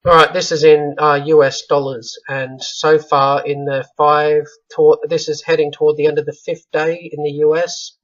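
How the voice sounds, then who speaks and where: Man, vlog update, flat monotone delivery, slightly dull lo-fi audio. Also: fairly high pitch, normal speed, hardly any pauses. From Australia. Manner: self-described monotone, rambling with frequent self-corrections. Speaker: author vlogging about his book launch.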